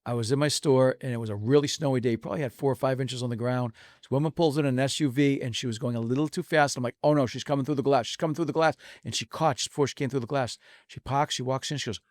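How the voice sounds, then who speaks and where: A man's voice: mid-range voice, fairly even intonation, fast, darkish tone, no room sound. Man telling a shop story, dry close mic. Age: 40s. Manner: storytelling, acts out customer dialogue. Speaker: podcast guest, flooring contractor. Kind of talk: casual podcast chat.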